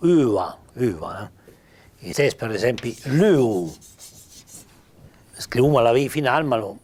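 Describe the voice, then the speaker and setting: A man with a Piedmontese accent explaining pronunciation in an informal lesson. His pitch rises and falls a lot, and he says sample words patiently and slowly, one at a time. He fills his pauses with hesitant "ehm" sounds. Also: darkish tone. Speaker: writer explaining spelling.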